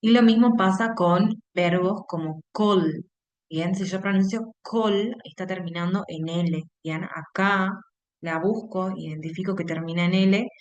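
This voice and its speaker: A woman with an Argentine Spanish accent gives an online English lesson over a computer mic. Her voice sits a little on the low side, and she moves through the material step by step, stopping after almost every phrase to check that her students are following. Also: fairly even intonation, a little slow, lo-fi sound. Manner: explains step by step, constantly checks with "¿sí?" and "¿bien?". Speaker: English teacher. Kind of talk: online class lecture.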